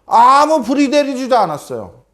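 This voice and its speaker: A man's voice: very high voice, very animated, normal speed, a bit bright. A man giving a children's sermon, telling a story and constantly asking the children questions. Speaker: children's preacher.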